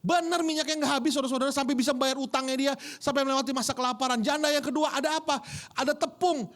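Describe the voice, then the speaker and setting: A man preaching a sermon in a lively, conversational way, joking, asking the congregation rhetorical questions and addressing them directly. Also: very high-pitched, quick pace.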